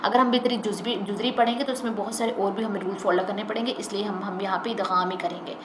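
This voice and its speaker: A woman teaching a Quran recitation lesson, explaining the rules and slowly modelling the recited words again and again. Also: medium pitch, steady tone. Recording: echoey room with faint noise.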